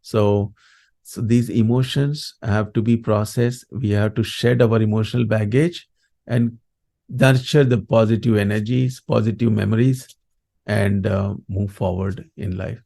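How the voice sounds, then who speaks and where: A man with an Indian accent and a mellow, gravelly voice. He explains things as an interviewed coach, reflective and halting, in a lowish register. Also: steady tone. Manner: halting, reflective, often adds "you know" and "right". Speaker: grief coach, interview guest.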